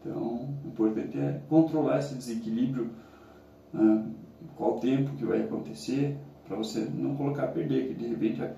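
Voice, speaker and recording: Picked up far from the microphone, this roomy, echoing, dull recording with faint noise captures a Brazilian man in ice-cold water. The challenge vlogger reflects casually and haltingly in a mid-range voice that is very dark, relaxed, and full of gravelly creak.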